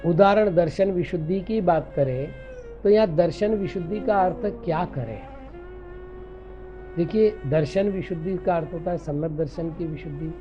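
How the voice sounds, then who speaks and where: A man, a monk teaching scripture, who recites verses deliberately and then explains them in a patient way. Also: a little high. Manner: patient, explanatory, corrects common misreadings. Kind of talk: scripture lecture in Hindi. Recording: dull lo-fi recording with faint music.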